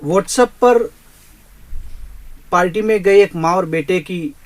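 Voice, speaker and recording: Male satirical poet with a high voice. Chatty, storytelling radio recital. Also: slow. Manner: storytelling, building up with a joke before the poem.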